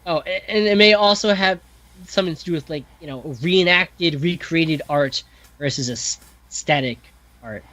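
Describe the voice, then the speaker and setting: A man's voice: fairly high pitch, moderate pace, sharp tone, no echo, poor audio. A man talking casually and thoughtfully on a podcast, full of fillers, restarts and self-corrections. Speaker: podcast guest, composer. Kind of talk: casual discussion.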